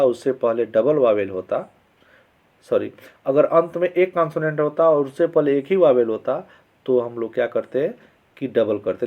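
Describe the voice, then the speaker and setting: A man teaching English grammar as a lesson, explaining in Hindi. He reads the English examples slowly and often checks that his students are following. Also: mid-range voice. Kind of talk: classroom-style grammar lesson. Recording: slightly dull lo-fi sound.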